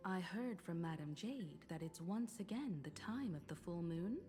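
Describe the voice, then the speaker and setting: A woman's voice: fairly low pitch, faint music behind, lightly acted. An actress voicing a composed, gracious woman who leads a starship crew in a video game. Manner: calm, gracious, measured. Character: composed mature woman, ship navigator and leader.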